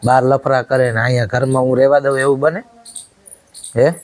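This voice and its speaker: A man's voice: medium pitch, level tone, brisk. Angry man scolding. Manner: scolding, accusing, repeatedly demanding agreement. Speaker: angry husband in a short family drama.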